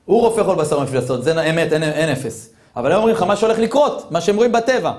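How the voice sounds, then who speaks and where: A man, a rabbi, giving a Torah sermon full of rhetorical questions, swinging between hushed and loud. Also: fairly high pitch, big pitch swings, echoey room.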